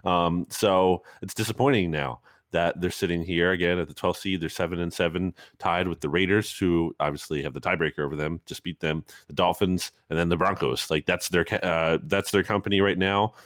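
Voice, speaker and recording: A man's voice: deep voice, fairly even intonation, a little fast, hardly any pauses, a bit bright, no room sound, studio quality. A man co-hosting a sports podcast in casual, conversational talk full of hedging asides. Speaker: podcast co-host.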